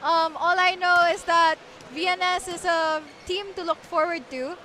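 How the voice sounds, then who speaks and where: A woman's voice: extremely high pitch, fairly even intonation, unhurried, pushed and bright, slight background noise. A woman with a Filipino accent giving live sports analysis as a co-commentator.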